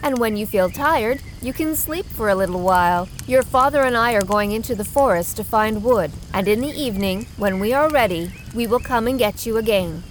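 A man's voice: sits high, moderate pace, few pauses, slight background noise, pitched above the performer's own voice, close to an everyday voice. A man voicing a stern, dismissive mother in a storybook reading. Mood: cold. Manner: curt, dismissive.

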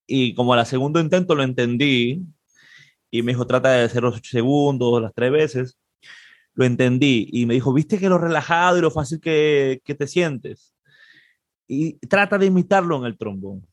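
A Peruvian man with a Peruvian Spanish accent and a medium-pitched voice, recorded dry, appears as an interview guest and trombonist. He tells a casual anecdote in an animated way, acting out the other people's quoted lines in a raised voice.

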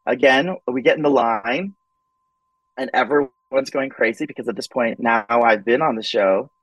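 Man guest on podcast, lively storyteller, acts out quotes, mid pitch, dry studio sound. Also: normal speed, dry recording, dull audio. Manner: animated, acts out quoted voices, frequent "like" and "um". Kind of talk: casual storytelling.

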